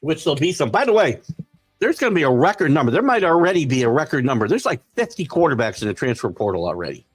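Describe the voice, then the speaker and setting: A male host of a live sports talk show, giving opinionated commentary that keeps building into excited rants. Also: fairly high pitch, fast, slightly rough, no echo, soft background music.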